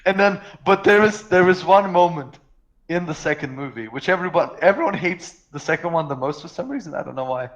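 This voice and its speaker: A man's voice: a little high, lively intonation, a little fast, fairly bright tone, dull audio. A man from Russia in casual podcast chat, rambling and joking with swearing and frequent restarts. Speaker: podcast co-host.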